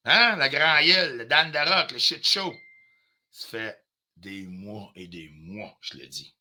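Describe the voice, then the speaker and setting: A man's voice: mid-range voice, lively intonation, takes it slowly, pushed and bright. A man with a Quebec French accent ranting on a live stream, confrontational and heated, swearing often and dropping in English phrases. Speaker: livestreamer.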